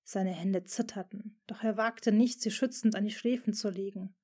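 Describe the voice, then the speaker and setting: A woman's voice: mid-range voice, steady tone, moderate pace, darkish tone. A woman reading a fan-fiction story aloud as dramatic audiobook narration.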